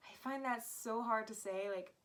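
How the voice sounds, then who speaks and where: Young woman, American accent, casual vlog chat, laughs a lot, lots of "like", bright tone. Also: fairly high pitch, moderate pace. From Florida, United States. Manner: giggly, laughs often, chatty with many "like" fillers. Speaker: language vlogger. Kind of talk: casual talk to camera.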